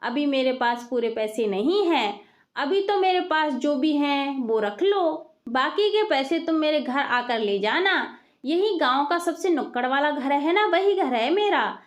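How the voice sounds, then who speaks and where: A woman's voice: high voice, expressive, a little slow. A woman voicing a greedy, food-loving young daughter-in-law in a storybook tale, gushing and pleading.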